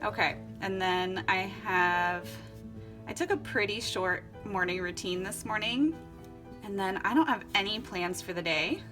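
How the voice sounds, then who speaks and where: A young woman vlogger from Florida and Costa Rica chats casually and upbeat, laughing often as she walks through her journal setup at home. Her medium-pitched voice runs a little slow over music.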